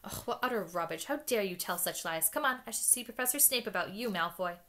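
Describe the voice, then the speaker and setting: A woman's voice: mid-range voice, expressive, a little fast. A woman reading aloud voices a stern older female professor scolding a pupil. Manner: sharp scolding.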